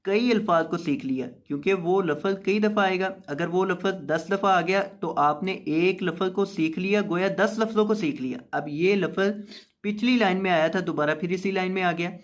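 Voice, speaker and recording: A man teaching recitation word by word, explaining quickly and then drawing out each word slowly, closing with a melodic chanted recitation. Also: sits high, lo-fi sound. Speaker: Quran teacher.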